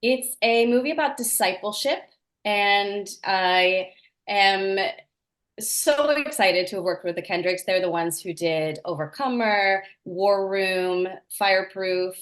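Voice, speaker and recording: A Norwegian actress, appearing as a guest, answers interview questions with earnest enthusiasm and little laughs. Her voice sits in the mid range and moves slowly.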